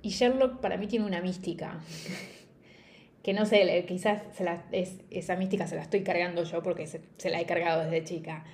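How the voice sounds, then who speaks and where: A young woman chatting casually in a book review vlog, opinionated and quick to laugh. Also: on the low side, fairly even intonation, darkish tone, slight background noise.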